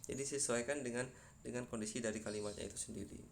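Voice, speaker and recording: A man's voice: mid-range voice, steady tone, fast, vocal fry, very noisy. A man giving a university lecture, explaining step by step with frequent fillers and repeated words.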